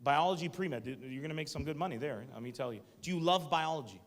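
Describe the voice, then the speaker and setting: A male stand-up comedian, appearing as a guest speaker, gives a motivational talk to students in a university hall, joking and putting questions straight to the audience. His voice sits fairly high and he talks quickly. The echo of the lecture hall is audible on the recording.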